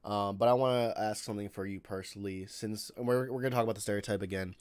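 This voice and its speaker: A man's voice: lowish voice, fairly even intonation, fast, clean tone, no echo. A young man from Chicago with a Chicago accent, hosting a casual live-stream chat and rambling through questions with lots of fillers. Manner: rambling, many fillers and restarts. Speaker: streamer host.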